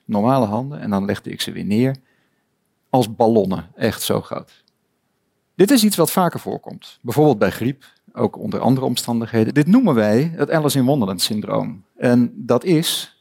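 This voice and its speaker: A man in his forties giving a recorded lecture on psychiatry, calm and explanatory, telling stories to make his points. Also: mid-range voice, vocal fry.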